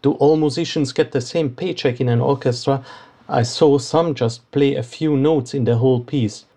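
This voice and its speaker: A man's voice: mid-range voice, moderate pace, dark tone. A man from Austria, leaving a polite voicemail for a podcast and asking his questions one by one. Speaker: caller. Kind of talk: phone message to a podcast.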